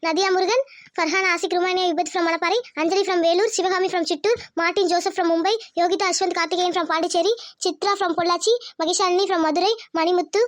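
A woman opening a cartoon channel episode, announcing winners and asking viewers to subscribe in a brisk, chirpy way. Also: very high voice, steady tone, no echo, studio quality. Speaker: channel narrator. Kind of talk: scripted channel intro.

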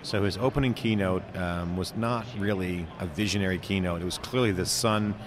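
A man's voice: deep voice, normal speed. A middle-aged man hosting live event commentary from a conference booth, casual, joking and blunt. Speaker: tech show host. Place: conference hall studio booth. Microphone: handheld stand mic. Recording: busy crowd noise behind.

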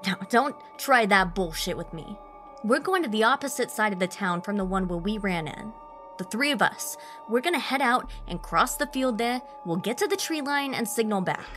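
A woman's voice: medium pitch, animated, normal speed, soft background music, close to an everyday voice. A woman voicing a cursing, defiant soldier. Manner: scornful, shouting, swearing. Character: angry defiant male WWI soldier, cursing.

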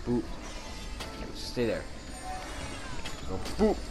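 A young man talks through a co-op video game in a casual, exasperated way, swearing freely. His pitch moves around a lot in a middle register, and game music plays behind him. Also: wildly swooping pitch, slow pace. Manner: profane, exasperated. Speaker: let's play gamer. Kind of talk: casual co-op gameplay commentary. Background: video game music and sounds.

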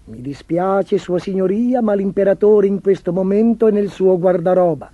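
A man's voice: high-pitched, normal speed, no room sound, dull audio, pitched above the performer's own voice. A man voicing a polite, dutiful male palace guard in a children's fairy tale, courteous but firm. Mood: apologetic.

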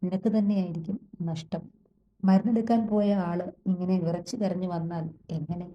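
A woman voicing a scheming young woman who speaks smoothly and hushes her warnings, reading an audio story. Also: fairly low pitch, steady tone, normal speed, highs cut off, lightly acted.

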